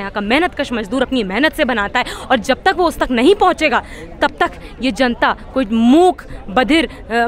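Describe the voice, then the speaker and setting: A young woman activist gives an impassioned interview at an outdoor street protest, speaking into several press mics with rhetorical force and frequent restarts. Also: high voice. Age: young adult. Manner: fiery, rhetorical, many fillers and restarts. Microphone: several handheld press mics held close.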